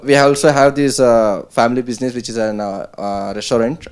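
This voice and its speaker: A man from Bangalore with a Kannadiga South Indian accent, a native Kannada speaker, casually introducing and pitching his small business. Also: fast, a little mellow, smooth.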